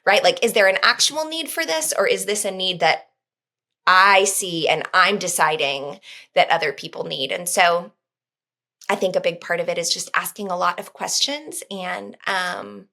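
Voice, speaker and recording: A woman in her thirties, a podcast guest speaking in an earnest, reflective way with frequent pauses and fillers. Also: fairly low pitch, sharp tone. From United States. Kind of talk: podcast conversation.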